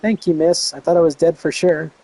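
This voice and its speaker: A man voicing a cheeky, rough-spoken young village boy. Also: a little high, flat delivery, fairly quick, dark tone, no echo, low-quality recording. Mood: chatty. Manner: rough, common-speaking.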